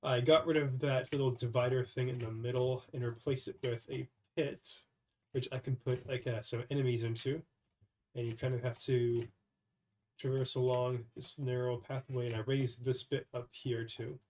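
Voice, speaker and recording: In a casual screen-recorded devlog, a young indie game developer with a stuffy cold speaks at normal speed in a mid-range, darkish voice with a level tone. He's hesitant and keeps using fillers and starting over.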